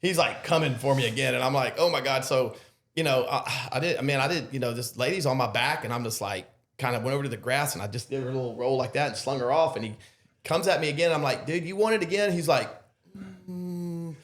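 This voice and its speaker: A man's voice: mid-range voice, fast talker. A middle-aged man, a podcast guest telling a story casually, acting out quotes with lots of fillers. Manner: animated storyteller, acts out quotes, many fillers. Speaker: podcast guest, loan officer.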